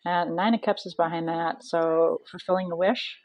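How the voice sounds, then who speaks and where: A woman's voice: on the low side, steady tone, moderate pace, a little mellow, poor audio. A woman reading tarot cards aloud in a casual, chatty way, thinking aloud with many ums and restarts. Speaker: tarot reader.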